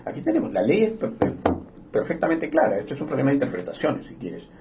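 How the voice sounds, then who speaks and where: A man from Honduras speaking as a guest on a discussion podcast, explaining in a measured way with some hesitations. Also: on the high side, huge pitch swings, background noise. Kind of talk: conversational panel discussion.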